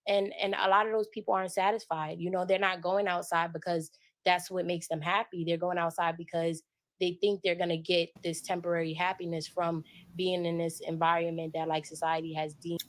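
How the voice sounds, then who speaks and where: A woman's voice: on the low side, level tone, a little fast, no echo. A woman in a casual discussion, giving earnest opinions with many fillers. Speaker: podcast guest.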